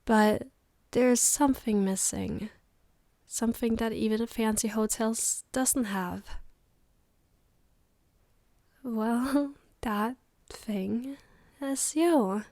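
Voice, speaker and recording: A woman playing a loving, tired girlfriend on a late-night call, in a soft, intimate ASMR role-play. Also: fairly high pitch, no room sound, studio quality. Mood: wistful, tender.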